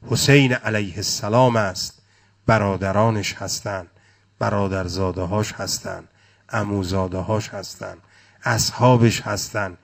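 A man delivers a mourning sermon with a fairly low voice, chanting his phrases. He preaches with passion, his voice rising and falling with feeling.

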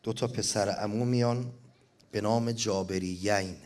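A man's voice: lowish voice, steady tone, a little mellow. A man preaching a mourning sermon, reading an elegy and chanting it, at times rising to impassioned cries.

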